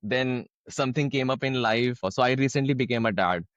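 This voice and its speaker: A man's voice: medium pitch, brisk, a bit bright, no room sound, dull audio. A young man from India hosting a podcast, chatting casually with many restarts and hesitations. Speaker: podcast host. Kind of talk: casual interview chat.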